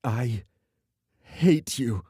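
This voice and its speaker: A man voicing a furious, heartbroken young woman who shouts with a cracking voice in a romance audiobook. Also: fairly high pitch, animated, moderate pace, dry recording, studio quality, voice pushed up, natural voice. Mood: broken.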